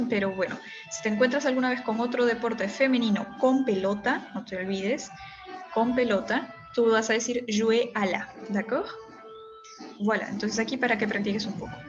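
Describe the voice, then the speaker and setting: A woman's voice: fairly high pitch, muffled recording. A Spanish-speaking woman teaching a French lesson, patiently explaining, repeating forms and checking understanding often. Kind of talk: recorded online French lesson.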